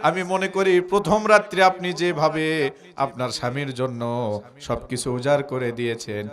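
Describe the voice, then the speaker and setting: A man with a Bogura Bengali accent preaching a waz sermon in a fiery style, firing rhetorical questions and calling on the crowd to answer louder. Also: fairly high pitch, fairly even intonation, normal speed.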